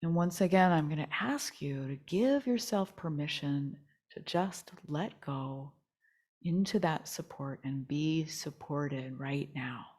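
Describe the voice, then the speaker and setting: A woman with a low-pitched voice teaches yoga nidra, easing listeners through a guided relaxation meditation at a gentle, unhurried, soothing pace.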